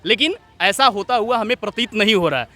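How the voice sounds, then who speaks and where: Brisk and expressive, with a high-sitting, sharp voice, a young adult man from Jharkhand, India speaks as a student leader in a street interview. His answers are earnest, opinionated, and repetitive, delivered in speech-like phrasing.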